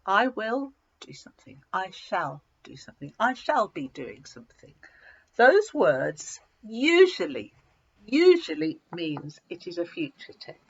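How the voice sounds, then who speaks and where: A woman teaching English to learners in a slow, simple lesson, patient and reassuring, repeating key words. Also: mid-range voice, big pitch swings, slightly rough. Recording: dull lo-fi recording.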